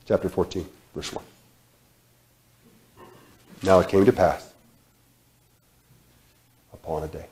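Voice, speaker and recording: A man in his thirties preaching a sermon in a church sanctuary, repeating phrases with emphasis and sudden drops to a hush. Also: deep voice, fairly even intonation, slow pace, pauses often. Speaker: guest preacher. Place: church sanctuary, large indoor room. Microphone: far camera, room mic. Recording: echoey church hall.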